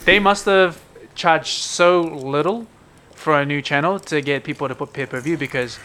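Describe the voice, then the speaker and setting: Man, broad Kiwi accent, bright forceful voice, slightly high pitch, casual podcast chat. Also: moderate pace. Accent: broad New Zealand (Kiwi). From New Zealand. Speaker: podcast co-host. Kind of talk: casual chat explaining slang.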